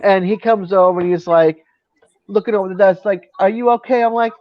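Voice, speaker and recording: High-pitched guy on a live chat, dry dull sound, chatty storyteller. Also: brisk, no echo. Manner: animated storyteller, laughs often.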